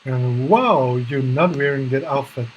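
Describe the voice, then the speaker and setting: A man with a Korean accent, a native Korean speaker, doing English shadowing practice, echoing lines a beat behind and repeating them haltingly. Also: medium pitch, highs cut off, slight background noise. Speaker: live-streaming English learner. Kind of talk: shadowing practice, repetitive drilling.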